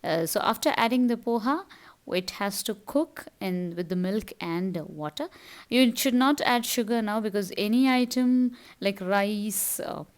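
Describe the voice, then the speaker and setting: A middle-aged woman from South India with a Tamil accent, casually narrating her cooking and chores step by step as a home vlogger. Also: medium pitch. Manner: explanatory, step-by-step.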